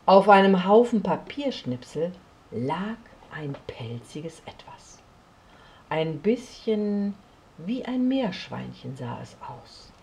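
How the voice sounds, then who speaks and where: A woman reading a children's story aloud, slow and expressive, often sinking to a soft near whisper. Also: fairly low pitch, slight background noise.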